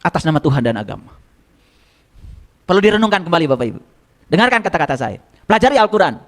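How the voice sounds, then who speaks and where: A man's voice: on the high side, big pitch swings, fast talker, a bit bright. A man giving a sermon as a religious teacher, talking conversationally, repeating phrases for emphasis and asking the congregation rhetorical questions.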